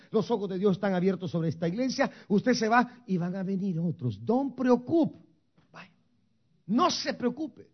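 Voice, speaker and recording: A man's voice: sits high, dull audio. A man preaching a sermon, speaking emphatically and straight to the congregation, slipping into English phrases now and then. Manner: emphatic, addresses the congregation directly. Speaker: pastor.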